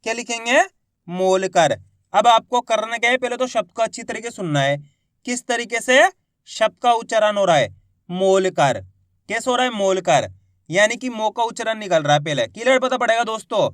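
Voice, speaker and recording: A man teaching reading in a patient, coaxing way, sounding out each syllable slowly before joining it into a word. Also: sits high, a bit bright, dry recording, clean studio sound. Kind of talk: spoken lesson.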